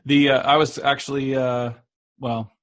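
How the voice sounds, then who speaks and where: A man's voice: mid-range voice, level tone, measured pace, a bit bright, dry recording, studio quality. A man hosting a podcast, chatting casually and encouraging his guest with short replies. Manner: brief encouraging backchannels. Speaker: podcast host. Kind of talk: casual interview chat.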